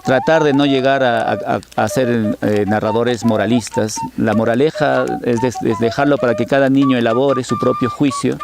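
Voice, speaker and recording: A man's voice: medium pitch, moderate pace, few pauses, music in the background. A man from Huancayo, a storyteller and teacher speaking animatedly in an interview. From Peru, Huancayo. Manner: animated, lively storyteller delivery.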